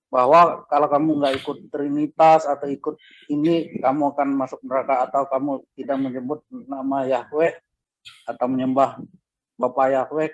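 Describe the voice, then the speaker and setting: A man's voice: medium pitch, darkish tone, no echo. Man, polite formal questioner, dull muffled recording, dry. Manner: polite, formal, addresses the pastor often. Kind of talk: asking questions in a Q&A.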